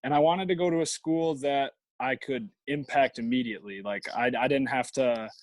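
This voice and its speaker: A young man, a college baseball player, tells stories as a guest in a casual interview, rambling with plenty of fillers and frequent restarts. His voice is mid-range and darkish, at a moderate pace. The low-quality recording has no echo.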